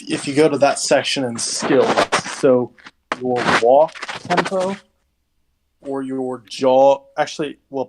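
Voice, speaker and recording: A man's voice: medium pitch, rough recording. Man thinking aloud as a player. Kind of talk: tabletop game play.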